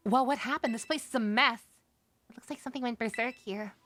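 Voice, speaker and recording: A man's voice: very high voice, brisk, pushed and bright, pitched above the performer's own voice. A man voicing an anxious, easily spooked teenage student in a video game, with an uneasy, questioning delivery. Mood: uneasy, startled.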